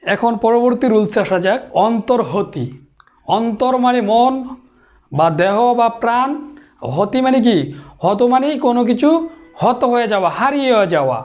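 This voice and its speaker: A man with a very high voice teaches a grammar lesson, working through each rule slowly and repeating the key terms. He often restarts his sentences. The recording sounds dull and lo-fi. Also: animated, darkish tone. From Bangladesh. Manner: explains step by step, repeats terms, many restarts. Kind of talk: recorded lecture.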